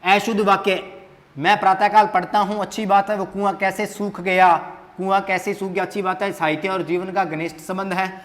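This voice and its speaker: A man's voice: sits high, little pitch movement, brisk, a bit bright. A man teaching Hindi grammar at a board, asking questions and answering them himself, repeating key words with emphasis, in an echoey classroom.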